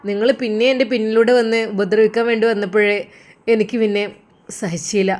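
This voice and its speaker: A woman voicing a calm, self-assured young man, speaking in a reassuring way in a spoken story. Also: mid-range voice, a little fast, close to an everyday voice.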